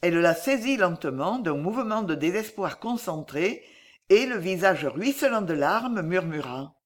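A woman narrating a dramatic story in a measured, expressive way. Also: lowish voice.

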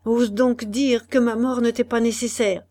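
A woman's voice: fairly high pitch, fairly even intonation, measured pace, dark tone, voice pushed up, natural voice. A woman voicing a desperate young wife in an audiobook, reading her lines with strong emotion, pleading and harsh by turns.

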